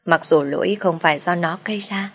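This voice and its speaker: A woman narrating a family story in the first person, in a soft, mournful storytelling manner. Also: on the low side, a little fast, vocal fry, husky.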